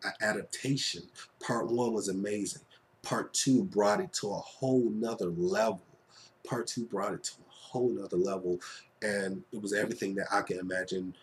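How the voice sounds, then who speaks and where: Gushing about a movie, a man delivers a relaxed, excited fan review to camera or mic, repeating phrases to stress his points. His voice is low, and there's a little hiss or hum on the audio.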